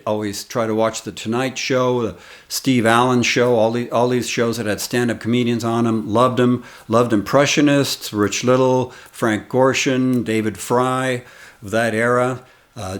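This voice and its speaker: Speaking in a medium-pitched, steady voice, an American comedian in his sixties reminisces on his channel about his early days. He hosts casually, drifting through unhurried, rambling anecdotes.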